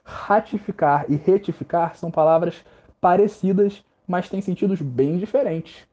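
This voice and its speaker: A man with a Brazilian Portuguese accent hosting a casual podcast lesson on literature, relaxed and slangy, joking at his own expense as he explains. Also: high voice, normal speed, dull audio. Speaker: literature teacher and podcast host.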